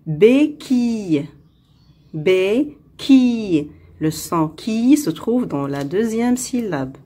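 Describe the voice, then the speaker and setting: A woman teaching a French phonics lesson, with an Arabic-speaking accent, saying each word slowly twice and counting its syllables. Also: mid-range voice, lively intonation, mellow, husky.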